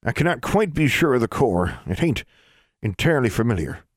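A man's voice: medium pitch, big pitch swings, brisk, dry recording, clean studio sound, voice pushed up. A man voicing a shrewd old country woman who crafts wands, speaking in folksy dialect. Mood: measured.

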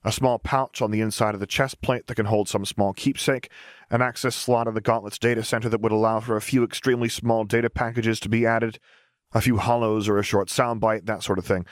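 A man's voice: fairly low pitch, level tone, a little fast, no room sound, clean studio sound, close to an everyday voice. A man voicing a cheerful, boyish young male engineer who talks in an upbeat, earnest way.

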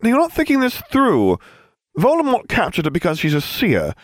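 A man's voice: high voice, huge pitch swings, moderate pace, no echo, studio quality, pitched above the performer's own voice. A man doing a whiny, petulant teenage boy wizard. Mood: pleading. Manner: petulant, self-justifying.

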